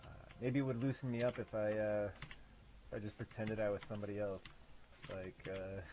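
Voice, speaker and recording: A game developer from the American Midwest, with a nasal voice, offers sarcastic, profane, self-deprecating commentary while playing a game he made. His voice is lowish, mellow and level at a moderate pace, on a rough recording with a little hiss or hum.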